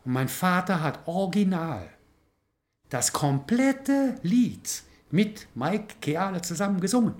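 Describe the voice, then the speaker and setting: A man hosting a podcast, telling an anecdote in a casual, animated way with many fillers and tag questions. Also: sits high, a little slow. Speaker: podcast host. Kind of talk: casual storytelling chat.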